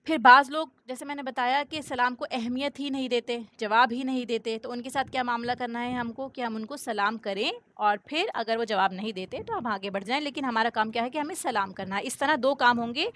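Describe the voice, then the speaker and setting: Woman teacher giving a religious lesson, kinda high voice, keeps asking rhetorical questions, drops in english words. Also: few pauses, a bit bright. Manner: explanatory, poses rhetorical questions and checks with "okay?"; mixes many English words into her speech. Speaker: Islamic teacher.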